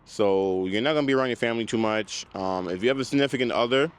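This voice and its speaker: A car salesman giving advice in a vlog talks casually and fast in a clean, mid-range voice, repeating points for emphasis. He's outdoors at a car dealership, and the noisy lot has a loud dryer and passing cars in the background.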